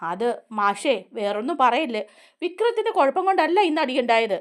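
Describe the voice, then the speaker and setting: A woman voicing a firm, protective young wife who explains herself earnestly, in a lively voice. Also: high voice, fairly quick. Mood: earnest, defending.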